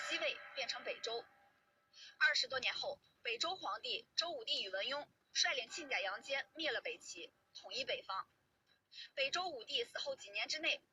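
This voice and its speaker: A woman's voice: sits high, sharp tone, breathy edge, low-quality recording. A woman narrates history from a script in a colloquial storytelling manner.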